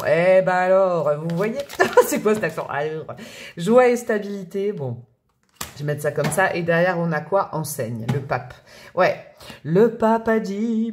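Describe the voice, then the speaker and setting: A woman's voice: mid-range voice, darkish tone, slight background noise. A woman giving a casual spoken tarot reading, chatty and thinking aloud with many fillers and restarts. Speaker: tarot reader.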